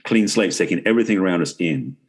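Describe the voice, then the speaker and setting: This middle-aged relationship expert and author, a podcast guest, explains things in a conversational interview style, often rephrasing himself. He has a low, expressive voice with a breathy edge and a quick pace.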